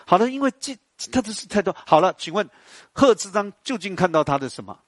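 A man, lecturing a class in an animated, storytelling way and putting questions to the audience. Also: high voice, fast talker, no echo.

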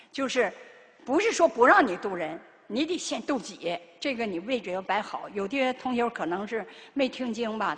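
A woman's voice: fairly high pitch, a bit bright. An older woman giving a Buddhist dharma talk as lay teacher, pressing listeners with rhetorical questions. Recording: reverberant hall.

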